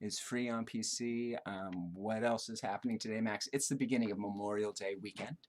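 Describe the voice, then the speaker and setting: A man hosting a live chat show, playful and quick to echo and riff on his co-host's words. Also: fairly low pitch, steady tone. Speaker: host.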